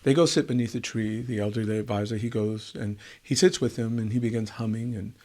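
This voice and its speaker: A man telling a wisdom tale in an unhurried way, repeating words for effect. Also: on the low side, steady tone, mellow. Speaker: storyteller.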